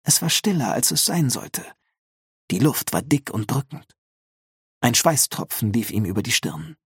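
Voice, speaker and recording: A man reading a science fiction audiobook with calm, measured narration. His voice is a touch husky and mid-pitched, recorded close and dry with no room sound. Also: dry recording. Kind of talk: scripted narration.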